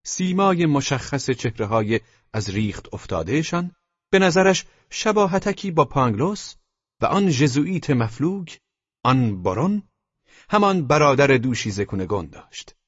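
A man narrating an audiobook in a measured, even storytelling manner. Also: mid-range voice, slightly rough, no room sound. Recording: dull lo-fi dry recording.

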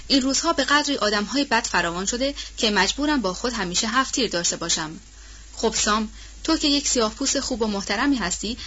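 A woman's voice: fairly high pitch, pushed and bright, slightly rough, full character voice. Woman reading a proud, wary young Southern lady. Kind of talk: audiobook character reading. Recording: dull lo-fi audio.

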